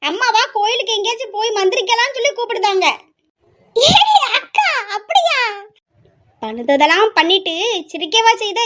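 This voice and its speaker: Woman doing a cheeky teen girl, squeaky high pitch, bright, teasing and bickering, amateur audio drama. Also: heavily acted. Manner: teasing, bickering, playful threats.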